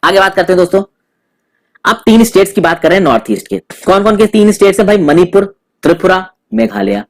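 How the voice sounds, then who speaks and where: A young male tutor with a fairly high voice gives a relaxed exam-prep lecture. He talks to viewers as friends and mixes in English terms as he walks them through a map. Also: fast.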